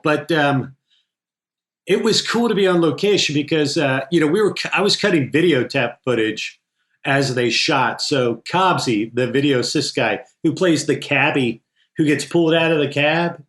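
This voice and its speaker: A film editor chats casually in an interview, his voice a little high and fairly bright at a normal speed. He's an enthusiastic storyteller, acting out quoted dialogue in his anecdotes, and the room sounds echoey.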